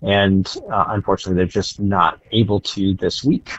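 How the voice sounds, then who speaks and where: Man, low flat voice, halting speech, dull lo-fi recording. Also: no echo. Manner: halting, restarts. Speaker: interviewee, outfitter. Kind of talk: casual interview.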